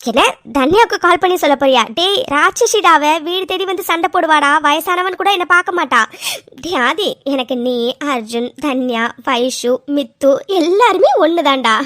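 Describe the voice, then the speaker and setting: A doting cartoon grandmother, played by a woman with a high, bright-pitched voice, coaxing her family with gentle scolding. She keeps checking in with tag questions. The sound is close and dry, with no room around it. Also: expressive, normal speed, no echo. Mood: teasing. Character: affectionate elderly grandmother, doting and reassuring. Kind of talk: animated serial voice acting.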